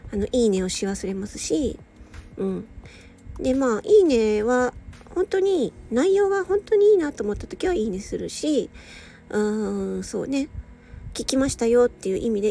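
A creaky, fairly high female voice comes through with slight background noise and soft music or ambience behind it. The speaker, an audio channel host and hobby voice performer, is casually chatting solo to her listeners. She's hesitant, rambling and often giggly, sounding weary, her speech slightly slurred.

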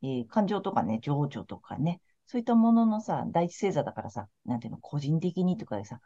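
A woman's voice: low voice, big pitch swings, brisk, dark tone. A woman tarot counselor in casual podcast chat, talking in a frank, laid-back, chatty way. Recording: slightly muffled lo-fi audio.

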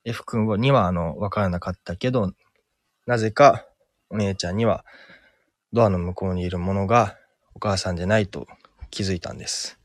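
A man with a fairly low voice tells a made-up ghost story with slow, suspenseful pacing, dramatic pauses and frequent hesitation fillers. The recording is dry and close, with no room sound around him. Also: no echo. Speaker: podcast co-host. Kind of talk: telling an invented ghost story, then casual chat.

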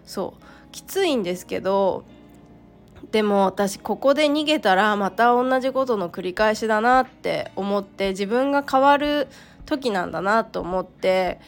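A woman hosts a casual solo podcast in a hoarse, croaky voice roughened by a cold. She speaks haltingly, searching for her words, at an ordinary middle pitch for a woman. Soft music plays behind her. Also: expressive. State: hoarse from a cold, throat-clearing. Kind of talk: casual personal monologue.

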